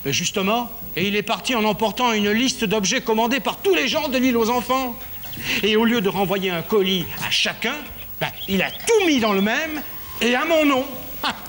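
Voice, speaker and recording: A man's voice: sits high, animated, moderate pace, a bit bright, a little hiss or hum. A hesitant, weary postman. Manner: hesitant, stumbling explanations. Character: kindly, overworked village postman. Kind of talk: 1970s children's TV acting.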